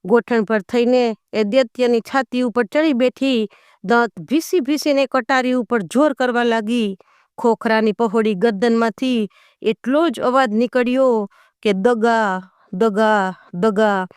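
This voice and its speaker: Woman, folk tale storyteller, smooth clear voice, dry close sound. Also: on the high side, unhurried, a little mellow, no room sound. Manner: dramatic storytelling in rustic Gujarati dialect.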